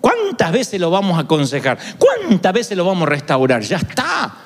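A man's voice: high voice, wildly swooping pitch, normal speed. A male pastor preaching a sermon, acting out the words of the people he quotes. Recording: echoey hall with long reverb.

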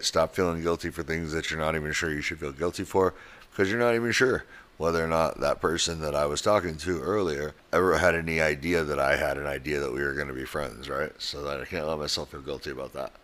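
Very deep-voiced man giving blunt advice. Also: fast talker, a bit bright. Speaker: podcast host and coach. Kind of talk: casual advice talk.

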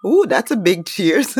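New woman co-host, unhurried and animated, dry close mic. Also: on the low side, no echo. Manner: relaxed, agreeable, laughs often. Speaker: podcast co-host. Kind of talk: casual chat.

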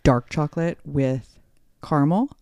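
A woman's voice: low voice, warm tone, dry recording, studio quality. A middle-aged woman co-hosting a podcast, chatting casually with teasing quips and frequent agreement. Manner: teasing, adds quick quips and agreeing yeahs. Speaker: podcast co-host. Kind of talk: casual chat.

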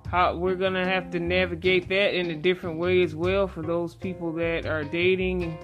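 Guitar music plays under the voice of a woman hosting a relaxed, conversational interview, sounding folksy and earnest. A face mask slightly muffles her lowish, level-toned voice, and she talks at a moderate pace.

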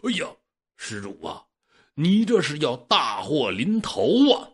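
A man voicing a calm, knowing old Taoist priest who speaks slowly and solemnly. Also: fairly high pitch, slightly rough, exaggerated voice. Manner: slow, solemn speech.

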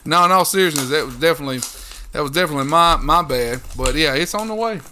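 A man co-hosting a podcast in casual chat, bantering loudly with jokes and heavy swearing. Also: a little high, fast, background noise. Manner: loud, joking, profane banter. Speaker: podcast co-host.

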